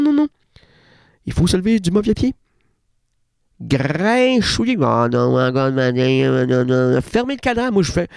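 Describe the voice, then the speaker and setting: A man's voice: sits high, gravelly, darkish tone, no echo, clean studio sound. A man with a Québécois accent, a radio host, delivering a surreal comic monologue in a playful, rambling way full of wordplay and restarts. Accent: Québécois French. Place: radio studio.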